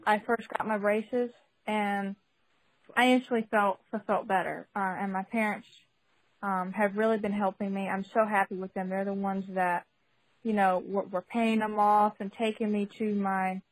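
A woman's voice: mid-range voice, no room sound, rough recording. A young woman talks over the phone in a chatty, giggly way, tripping over fillers and restarts. Her voice sits mid-range and sounds dry and close, with no room around it. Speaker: caller sharing a testimony. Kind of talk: casual spoken testimony.

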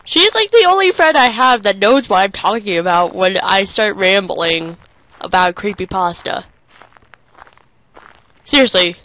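A woman's voice: mid-range voice, a bit bright, low-quality recording. A young woman giving casual, rambling gameplay commentary, swearing often and talking to herself as she plays. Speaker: let's play gamer.

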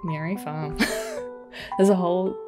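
A woman's voice: lowish voice, huge pitch swings, slow. A young woman chatting and giggling as she plays a farming game, with light jokes to her viewers. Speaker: gaming video host. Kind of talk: casual let's play commentary. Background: background game music.

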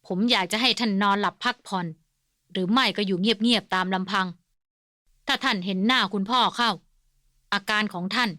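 A woman doing a calm polite young doctor. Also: mid-range voice, normal speed, no echo, clean studio sound, natural voice. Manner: patient, mild and polite.

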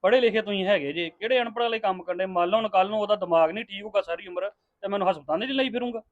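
Stern lecturing husband played by a man, high voice, fast, tinny phone-like sound. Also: natural voice. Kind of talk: family drama acting.

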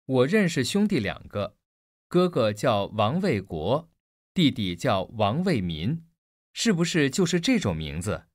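Curious male student with a lively voice. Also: mid-range voice, measured pace, no echo, clean studio sound. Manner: curious, asking questions. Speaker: student in a scripted textbook dialogue. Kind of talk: scripted listening-exercise dialogue.

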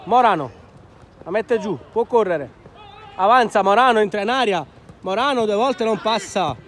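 A man's voice: sits high, expressive, moderate pace, fairly bright tone. A man giving live amateur football commentary outdoors, in short clipped phrases naming the players. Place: outdoor floodlit football pitch at night.

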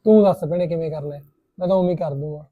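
An actor playing a caring elder brother who talks gently with his sister. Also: fairly high pitch, very fast, dry recording, phone-quality sound, close to an everyday voice. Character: kind elder brother in a village family. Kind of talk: village short-film acting.

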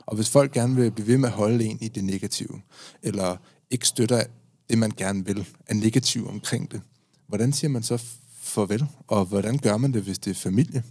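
A man's voice: on the low side, darkish tone, husky, dry recording. A male podcast host asking earnest questions in a casual conversation.

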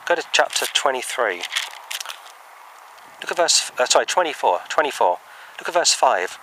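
A man's voice: medium pitch, very animated, moderate pace, bright, forceful tone, a little hiss or hum, poor audio. A man preaching a sermon outdoors, earnest and emphatic, reading from the Bible between points.

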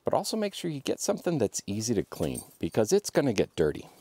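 At a wooded campsite, a man in his thirties shares laid-back camping tips in a casual how-to overlanding vlog. His mid-range voice is fast, warm and slightly rough, swinging hugely in pitch with no room sound, and he chats away, even talking to his dog.

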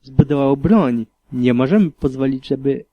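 A man voicing a cautious male unicorn on a council who speaks in a wary, deliberate way, in an audiobook reading. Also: medium pitch, dry recording, lo-fi sound, lightly acted.

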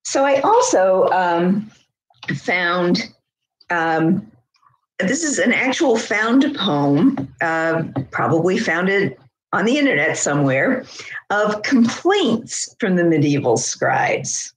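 A woman from the United States reading her poems at a festival, measured, with ums in her asides. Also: on the low side, big pitch swings. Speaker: poet. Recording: roomy echo.

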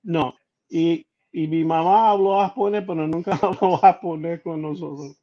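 A man being interviewed as a guest musician, speaking slowly in a relaxed way and laughing easily. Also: on the high side. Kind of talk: casual interview conversation. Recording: dull lo-fi audio.

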